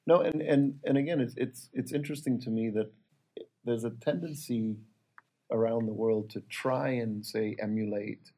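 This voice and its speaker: A man's voice: medium pitch, fairly even intonation, normal speed, warm tone. A man leading a thoughtful conversational discussion, hesitant, circling his phrases and repeating words as he builds a point. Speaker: interviewer in a discussion.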